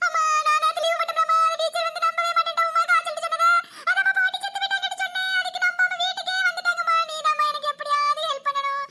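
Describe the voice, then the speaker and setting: A woman voicing a little schoolgirl in a comedy cartoon who schemes to skip school, pleading and whining in a drawn-out way. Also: extremely high pitch, level tone, sharp tone, a little hiss or hum. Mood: whiny.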